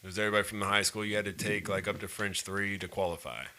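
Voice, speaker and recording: Low, bright-voiced joking man. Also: level tone, very fast. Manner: joking, mock-formal teasing. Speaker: podcast co-host. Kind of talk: casual podcast chat.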